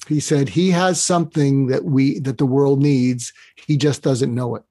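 Talking casually on a podcast, this male guest leads the listener through an exercise with earnest care, frequently restarting phrases and repeating words. He speaks a little slowly in a warm, steady, medium-pitched voice, free of echo.

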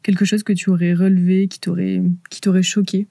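A woman asks open questions in a mellow, slightly low voice. Her tone is measured and steady, and the sound is close and dry. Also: vocal fry, dry recording. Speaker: interviewer. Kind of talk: interview questions.

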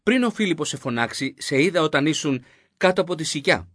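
A man's voice: on the high side, animated, fairly bright tone, no echo. Male reader voicing a solemn, authoritative teacher, dry close read. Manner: measured, solemn reading of spoken lines. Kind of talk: scripted Bible reading.

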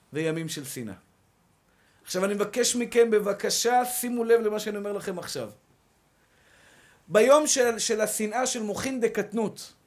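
A male rabbi preaching a sermon with a notably high voice. He speaks emphatically and builds energy through repeated rallying calls.

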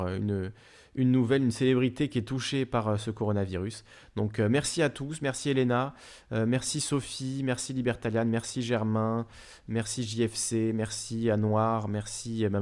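A man hosts a live stream and talks casually to his viewers. He reads their messages out loud and answers them. His voice sits at a middling pitch, and he speaks haltingly, with lots of fillers and false starts. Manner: halting, many fillers and restarts. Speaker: livestream host.

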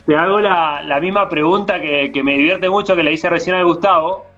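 A man's voice: fairly high pitch, a little fast, fairly bright tone, lo-fi sound, faint music behind. A man with an Argentine accent hosting a casual online interview, chatty and laid-back, full of slang, on a video call. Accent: Argentine Spanish. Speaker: host.

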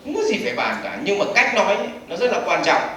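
A man gives a lively seminar lecture, putting questions to the audience and answering them himself. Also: sits high, fast talker, far from the mic. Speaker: business trainer. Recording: echoey hall recorded from afar.

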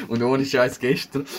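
A young man with a Swiss German accent co-hosts a podcast in casual chat, rambling, searching for words and laughing often. His voice is medium-pitched, with slight background noise.

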